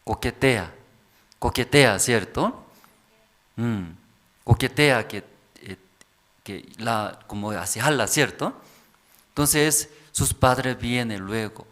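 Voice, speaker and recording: A man pastor preaching a sermon in halting, simple phrases, often checking with the congregation through rhetorical questions. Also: medium pitch, fairly bright tone.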